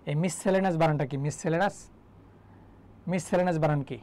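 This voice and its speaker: A man's voice: on the high side, fairly quick, mellow, low-quality recording. A young man from Bangladesh teaching English grammar in a live online class, chatty and joking as he quizzes students. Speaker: English tutor.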